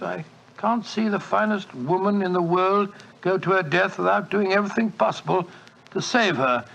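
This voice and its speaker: An actor playing a genial, slightly muddled older English doctor and loyal companion in 1940s radio style. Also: male voice, high-pitched, gravelly, fairly bright tone, full character voice, rough recording. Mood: reading aloud. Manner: bluff, chummy, slightly muddled. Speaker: supporting actor in radio detective drama.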